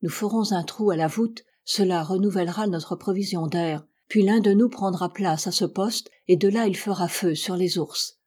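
A woman voicing a stern, resolute male ship captain, calm and commanding, in a read-aloud novel. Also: medium pitch, normal speed, few pauses, breathy edge, lightly acted.

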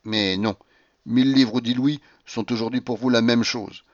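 A man reading the part of an earnest, stern English gentleman, speaking in a solemn, lecturing way. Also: medium pitch, fairly even intonation, moderate pace, dry recording, lo-fi sound, lightly acted.

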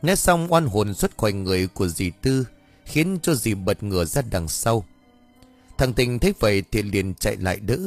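A man's voice: on the low side, lively intonation, moderate pace, soft background music. Man narrating. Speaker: audiobook narrator. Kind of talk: scripted story narration.

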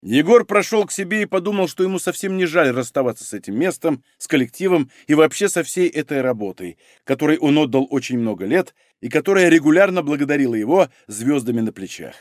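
A man narrating an audiobook with an expressive, animated delivery. His voice sits slightly high and moves freely up and down. The recording is close and dry. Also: fast talker, few pauses, no echo. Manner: expressive reading. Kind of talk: scripted narration.

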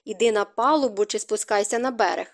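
A woman's voice: mid-range voice, a little fast, close to an everyday voice. A woman voicing a strict, proper middle-aged society mother in an audiobook, scolding and commanding.

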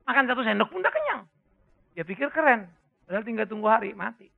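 Gravelly high-voiced Indonesian preacher. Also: male voice, quick pace. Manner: lively, joking, swings into sudden loud outbursts. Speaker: pastor. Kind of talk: sermon. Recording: tinny phone-like sound.

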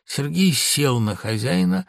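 A man reading a classic story aloud with dramatic, expressive narration. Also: fairly high pitch, measured pace, gravelly, no room sound, studio quality.

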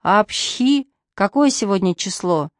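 A woman's voice: mid-range voice, measured pace, dry recording, studio quality, natural voice. A woman doing a nasal, stuffed-up lieutenant. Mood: dazed. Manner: flat, dazed and congested. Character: stuffy-nosed young male police lieutenant, frozen.

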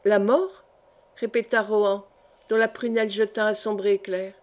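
A woman reading a historical novel aloud in a measured, solemn narration. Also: mid-range voice, little pitch movement. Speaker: audiobook reader. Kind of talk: scripted narration.

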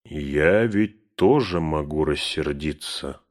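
A man voicing a stern old wizard, deep. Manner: measured, steady, warning. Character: old male wizard, calm, probing, stern when crossed.

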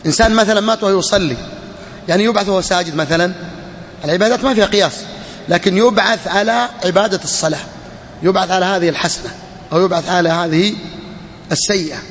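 A man's voice: high-pitched, fast, pauses often, fairly bright tone, in a large hall, a little hiss or hum. A man, a sheikh, teaching a hadith lesson in a classroom way, repeating each phrase and putting questions to his students.

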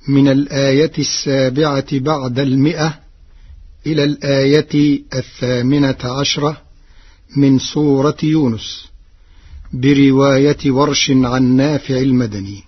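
A man giving a formal religious radio lesson as a Quran reading scholar, explaining in a measured way and slowly intoning the verses he quotes. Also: mid-range voice, breathy edge. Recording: dull lo-fi radio broadcast.

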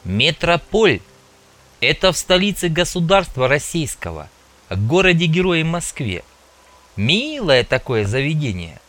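A man's voice: on the high side, very animated, measured pace, fairly bright tone, voice pushed up. A man voicing a wary male stalker who banters sardonically, in an audiobook reading. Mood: joking.

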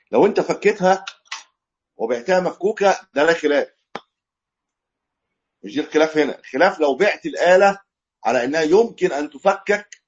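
A man's voice: fairly high pitch, slightly rough. A man with an Egyptian accent giving a live class lecture, explaining in a conversational way, answering questions and correcting himself as he goes. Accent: Egyptian Arabic. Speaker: religious teacher. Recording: dull lo-fi recording.

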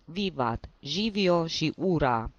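A man's voice: fairly high pitch, lively intonation, no echo, highs cut off. A man voicing a tipsy old male journalist with a reedy tenor voice, giving rambling, sentimental toasts. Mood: grandiloquent.

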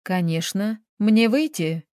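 A woman's voice: medium pitch, slow, no echo, clean studio sound. Woman voicing a cool detective. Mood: firm. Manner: calm, firm, slightly ironic. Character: cool, composed female private detective.

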